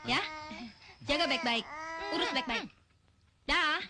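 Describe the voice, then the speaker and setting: A woman's voice: sits high, animated. An actress playing a bossy young woman who hands out orders in a film comedy. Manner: bossy, giving quick orders. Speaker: daughter of the household.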